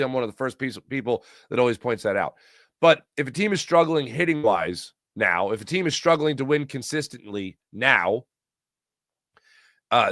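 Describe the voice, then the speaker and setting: With a sharp, medium-pitched voice in studio-quality sound free of echo, this American livestream host from Pennsylvania talks sports and chats with his viewers. His style is casual yet emphatic, and he often repeats phrases to make his point.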